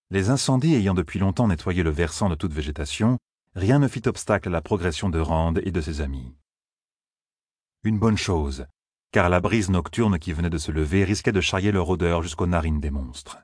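A man narrating a fantasy novel as an audiobook, with a steady, expressive reading. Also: low-pitched, breathy edge, no room sound, clean studio sound.

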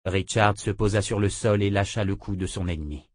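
A man narrating a fantasy audiobook in a measured, dramatic reading. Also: fairly low pitch, no echo, clean studio sound.

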